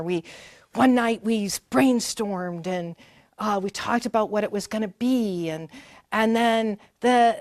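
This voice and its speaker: Her voice is a little high yet darkish in tone, recorded at studio quality with no echo. She's a woman in her fifties from Maine, a performer and guest, telling rambling family stories full of fillers and restarts in a conversational interview at a library talk.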